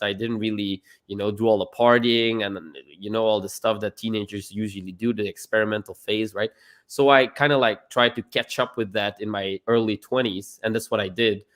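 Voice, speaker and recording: On a live stream, a young guest from Belgium talks in a casual, earnest way, frequently repeating words at the start of his sentences. His voice is on the low side with a fairly bright tone.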